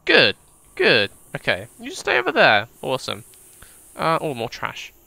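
Gamer guy narrating his survival run, bright tense voice, dry close mic, drops to whispers then yelps and swears. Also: medium pitch, huge pitch swings, normal speed, gravelly, dry recording. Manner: whispers while sneaking, then loud startled outbursts and swearing. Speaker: gaming video host. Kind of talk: let's play commentary. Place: indoors at a desk with facecam.

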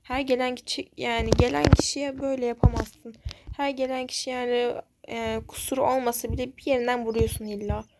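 A woman's voice: on the high side, little pitch movement, brisk, very noisy, lightly acted. A woman voicing a schoolboy who sticks up for others in a toy-game role-play story, speaking sarcastically. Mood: sarcastic.

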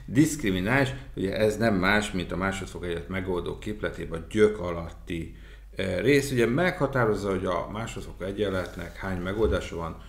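A man with a very deep, gravelly voice explains math terms through everyday examples. He pauses often with fillers, and the room has a clear echo around him. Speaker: math tutor. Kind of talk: casual exam-prep explanation.

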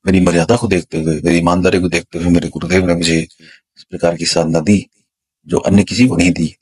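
A man, a spiritual teacher, slowly and dramatically telling of his own spiritual experience, repeating words to build suspense. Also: deep voice, level tone, darkish tone, slightly rough. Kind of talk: storytelling a personal spiritual experience.

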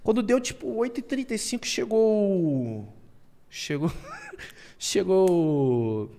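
A young man telling a story on a podcast, with slangy, animated storytelling, acted quotes and bursts of nervous laughter. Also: high voice, slow pace. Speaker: podcast guest. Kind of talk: casual storytelling.

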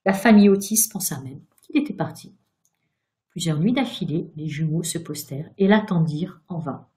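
A woman storyteller reading a tale aloud to children, expressive and speaking directly to her young listeners. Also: low voice, moderate pace.

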